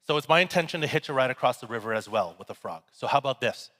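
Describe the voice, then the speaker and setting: A man's voice: mid-range voice, animated, fast talker, fairly bright tone, natural voice. A preacher voicing a cunning male snake in a fable, in a storytelling manner. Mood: scheming. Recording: echoey hall.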